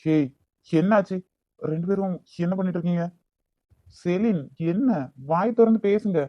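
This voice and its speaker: A man's voice: high-pitched, moderate pace, no echo, lightly acted. A man with a Kanyakumari Tamil accent voicing a bossy, hot-tempered young lover in a cartoon, brusque and demanding. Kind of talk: cartoon voice acting. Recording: dull lo-fi recording.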